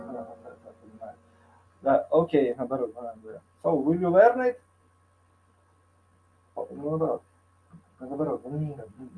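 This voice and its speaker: A man teaching piano over a video call, halting and hesitant, often scatting rhythms on syllables to demonstrate. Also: a little high, warm tone, low-quality recording. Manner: halting, hesitant speech that falls back on another language. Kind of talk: online music lesson.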